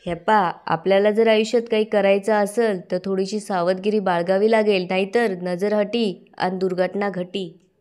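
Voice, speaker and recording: A woman's voice: medium pitch, fairly even intonation, moderate pace, a little mellow, natural voice. A woman reading as a scheming bossy aunt. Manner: bossy, plotting, scolding. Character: scheming sharp-tongued middle-aged aunt.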